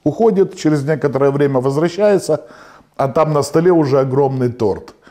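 A man telling comic jokes with animated delivery, acting out each character in the joke. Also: mid-range voice, brisk. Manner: animated, acts out the quoted characters. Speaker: joke teller.

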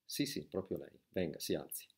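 A man voicing an excitable boy stage magician. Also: deep voice, moderate pace, slightly rough. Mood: showy, excited. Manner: theatrical, announcing like a showman.

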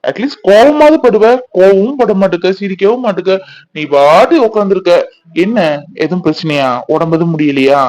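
A man voicing a gentle, patient young fiancé who soothes and coaxes his crying bride in a cartoon. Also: high-pitched, expressive, fairly quick, low-quality recording. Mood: consoling. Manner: soothing, coaxing. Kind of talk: cartoon voice acting.

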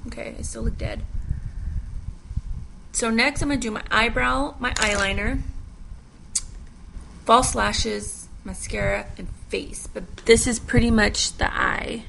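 A woman's voice: fairly high pitch, steady tone, a little slow, creaky, background noise. A young woman chatting casually at home through a makeup tutorial, rambling with self-deprecating asides. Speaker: makeup vlogger.

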